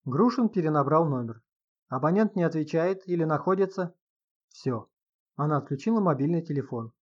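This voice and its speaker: A man narrating a novel as an audiobook in an even, measured reading. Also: a little high, husky, muffled recording.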